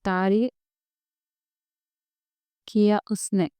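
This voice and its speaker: A woman teaching Quran reading in a slow spoken lesson, patiently drawing out words to show their pronunciation and checking often that the viewer follows. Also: mid-range voice, flat delivery, warm tone, clean tone, no room sound. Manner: asks "theek hai?" often.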